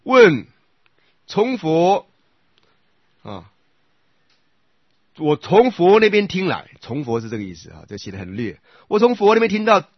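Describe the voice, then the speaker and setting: A man giving a Buddhist sutra lecture. He recites scripture phrases in a slow, repeated cadence and often checks with his listeners by asking whether they follow. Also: high voice, very animated, breathy edge, no echo, dull audio. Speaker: Buddhist dharma teacher.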